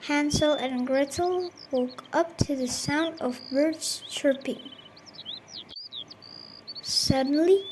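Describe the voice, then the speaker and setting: A woman narrating a children's fairy tale in a slow, even reading voice. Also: high-pitched, slight background noise, low-quality recording. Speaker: storyteller. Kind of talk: scripted storybook narration.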